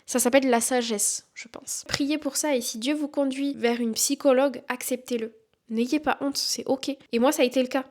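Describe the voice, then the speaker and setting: A woman's voice: sits high, fairly even intonation, normal speed, darkish tone. A young woman hosting a podcast on faith, talking earnestly and encouragingly and reading verses aloud. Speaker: podcast host.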